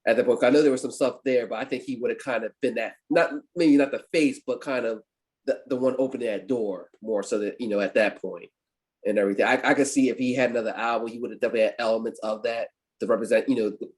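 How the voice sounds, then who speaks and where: A man talking quickly in casual podcast chat, with a mid-range voice. He stumbles through restarts and keeps checking in with his listeners. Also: medium pitch, steady tone. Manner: fast, stumbling restarts, leans on "you know what I mean". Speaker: podcast co-host. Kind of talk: casual podcast chat about hip hop.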